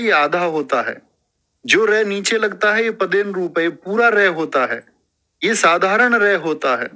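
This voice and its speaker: Bright, lively male teacher. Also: high-pitched. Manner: lively, lecturing, repeating terms aloud and reciting verse. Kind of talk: classroom lecture. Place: classroom.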